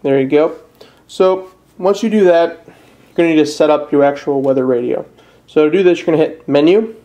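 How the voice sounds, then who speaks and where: A young adult man from northern Illinois, with a Midwestern American accent, gives a step-by-step tutorial from his desk indoors. As an amateur how-to presenter, he speaks fairly fast in a fairly high, mellow voice, casual and somewhat hesitant, using plain words. There's slight background noise.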